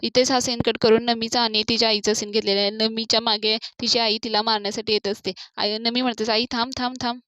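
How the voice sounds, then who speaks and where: A woman's voice: fairly high pitch, little pitch movement, fast, few pauses, fairly bright tone, no echo. A woman giving a casual recap of a TV serial episode, reading out what each character says in turn. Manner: retells scenes by reading out each character's lines. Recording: dull dry lo-fi recording.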